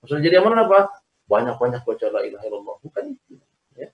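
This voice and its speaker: A man's voice: mid-range voice, very animated, very fast. A man teaching an online religious lesson, explaining by repeating his points and asking his listeners to agree. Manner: explains by repetition, asks "ya kan?". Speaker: Islamic teacher. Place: recorded over a video call. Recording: echoey, distant video-call audio.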